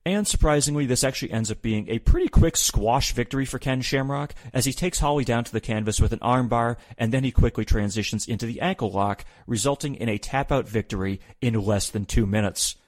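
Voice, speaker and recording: A man's voice: medium pitch, fairly quick, few pauses, a little mellow, no room sound. A man hosting a podcast, reading a wry, opinionated recap with the odd swear. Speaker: podcast host. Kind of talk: scripted recap narration.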